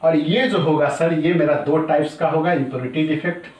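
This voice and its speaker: A man's voice: a little high, steady tone, brisk, a little mellow. A middle-aged man teaching a chemistry class, chatty, repeating each term and calling his students sir. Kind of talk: classroom lecture. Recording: echoey room, voice from a distance.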